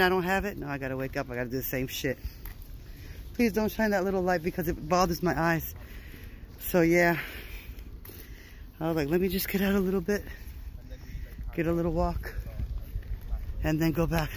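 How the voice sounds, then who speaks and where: Weary, sighing man with a high voice. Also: a little hiss or hum, poor audio. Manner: weary, frustrated, sighing, profane, drawn-out phrases. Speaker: vlogger. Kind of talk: casual vlog talk. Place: outdoors on a short walk.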